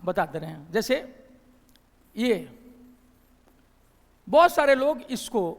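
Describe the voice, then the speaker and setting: A man's voice: extremely high pitch, fairly bright tone, big-room sound. A man from Bihar with a Bihari Hindi accent, teaching a classroom lecture. He explains step by step, repeats phrases and keeps asking his class questions.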